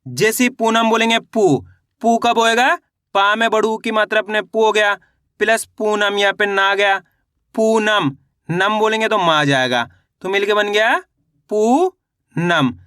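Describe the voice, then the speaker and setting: A man with a high, bright, ringing voice teaches beginners to read, sounding out every syllable one at a time before he joins them into a word. He keeps asking how to read the word and answers himself, patient and step by step. The sound is close and dry. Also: unhurried, clear, resonant tone, no echo. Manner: asks and answers his own questions; addresses viewers as friends. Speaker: Hindi reading teacher. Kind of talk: slow, step-by-step spelling lesson.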